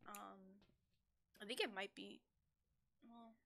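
A woman's voice: medium pitch, fairly even intonation, slow, vocal fry, sharp tone. A woman streaming a ghost-hunting game with a friend, chatting casually, jumpy and swearing as she plays. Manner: jumpy, swears, mumbles while playing. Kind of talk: casual gameplay chat.

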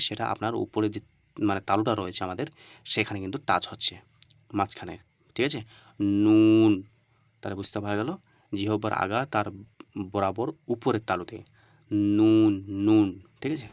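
Low-voiced man teaching letter sounds. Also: no room sound. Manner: repeats letter sounds loudly, asks and answers his own questions. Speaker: Quran pronunciation teacher. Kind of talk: step-by-step explanatory teaching.

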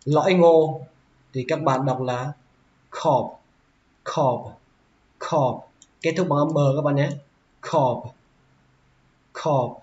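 A man teaching English vocabulary, who says each word slowly and repeats it several times. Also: a little high, steady tone, darkish tone. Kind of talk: vocabulary lesson. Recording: roomy, dull lo-fi sound.

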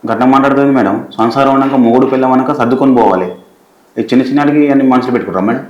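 An actor playing a defensive young husband with a Telangana Telugu accent, complaining and impatient. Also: male voice, medium pitch, racing, muffled recording, close to an everyday voice. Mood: grumbling.

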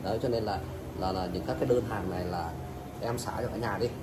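A man's voice: lowish voice, fast. A man from Vietnam selling plants in an insistent, repetitive hard-sell style, plugging prices over and over. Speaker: orchid seller. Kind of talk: hard-sell live sales pitch. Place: open-sided plant nursery yard. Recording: noisy outdoor phone-style video, ambient noise.

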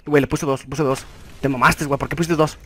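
A young man with a Mexican accent commentating his own Free Fire gameplay. He swings between low muttering and sudden excited yells. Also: fast talker, background noise. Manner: excitable, shouts and yelps at big moments, mutters low while looting. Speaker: gaming YouTuber.

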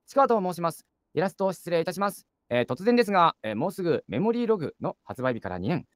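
Male radio co-host. Quick and animated, reads fan mail playfully. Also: on the high side, no room sound. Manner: playful, lively reading of a fan letter. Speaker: radio show host reading listener letters. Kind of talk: casual radio banter.

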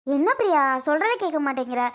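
A caring elder sister in a homemade family drama skit, played by a woman, calming her distressed younger sister. She coaxes and gently scolds in a high, motherly tone. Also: fast talker. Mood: coaxing. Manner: coaxing, reassuring, gently scolding.

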